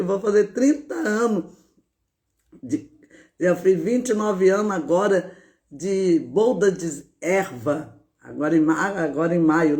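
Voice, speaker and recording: A woman preacher giving a fervent testimony, often breaking in with words of praise and now and then shouting out. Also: lowish voice. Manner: bursts into shouted exclamations. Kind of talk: fervent spoken testimony on a live stream.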